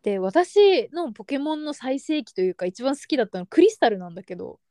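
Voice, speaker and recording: Fast high-pitched young woman storyteller. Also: dry recording, clean studio sound. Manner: animated storyteller acting out quoted lines. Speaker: podcast co-host. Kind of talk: casual chat, telling a dream story.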